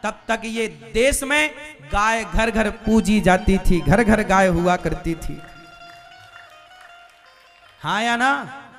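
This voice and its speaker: A male preacher speaks slowly to a gathering, his voice unusually high and bright. He keeps turning to the crowd with rhetorical questions, and faint music plays behind him. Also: gravelly. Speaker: religious preacher.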